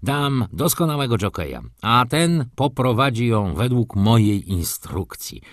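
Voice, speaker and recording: A man voicing an irascible, blustering middle-aged stable director who swears and shouts. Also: medium pitch, very animated, measured pace, no room sound, studio quality. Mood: boastful.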